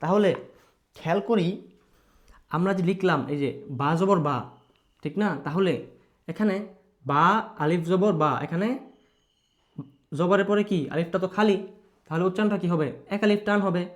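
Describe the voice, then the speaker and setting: A man with a Bangladeshi Bengali accent teaching a Quran recitation lesson, patiently repeating rules, asking his pupils questions and modelling long drawn-out sounds. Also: high-pitched.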